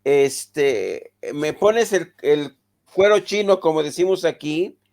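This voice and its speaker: A man's voice: a little high, lively intonation, takes it slowly, a little mellow. A man hosting a remote interview, reflective and hesitant, with frequent fillers. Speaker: host.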